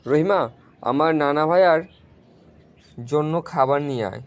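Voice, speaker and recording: Nosy old village grandpa a guy voices him, slow teasing questions, kinda distant. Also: on the high side.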